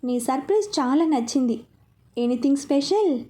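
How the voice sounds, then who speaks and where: Woman as a young husband, affectionate and teasing, high and mellow. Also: expressive, moderate pace. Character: young man, loving and playful husband.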